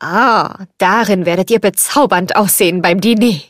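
A woman's voice: medium pitch, no room sound, studio quality, lightly acted. A woman voicing a friendly, insistent talking wardrobe in a storybook reading. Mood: brisk. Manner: brisk and insistent. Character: friendly talking female wardrobe, brisk and eager.

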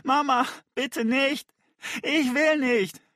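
A man voicing a bawling, stubborn ten-year-old boy who wails drawn-out pleas in an audiobook. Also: very high-pitched, fairly even intonation, pushed and bright, dry recording, studio quality, voice pushed up, exaggerated voice. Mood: wailing, panicked. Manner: wailing, drawn-out pleading.

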